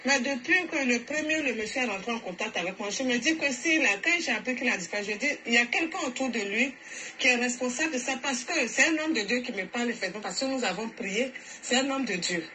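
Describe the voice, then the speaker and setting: A woman phones in to a live show, earnest and grateful, her thoughts running on in long sentences. Her voice is bright and fairly high, with a faint hiss of noise behind her. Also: lively intonation, fast, poor audio. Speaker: caller.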